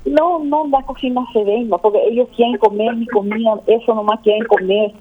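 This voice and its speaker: Older woman, rambling interview guest, husky and a bit high, over a tinny phone line. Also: steady tone, fairly quick. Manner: rambling, repeats herself, many fillers. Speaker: gastronomy researcher and teacher, interview guest. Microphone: telephone.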